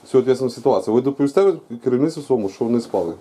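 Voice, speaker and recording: Guy filming a street confrontation, talks super fast, kinda husky and mellow, keeps pushing. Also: mid-range voice, animated. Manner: insistent, pressing, repeated questions, mixes two languages. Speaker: blogger confronting police at a post.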